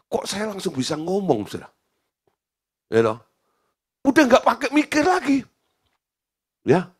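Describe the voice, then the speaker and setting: A man, a pastor telling a story in a sermon, chuckling often and leaning on casual fillers. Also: high-pitched. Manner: animated, chuckling storyteller, "gitu loh" filler.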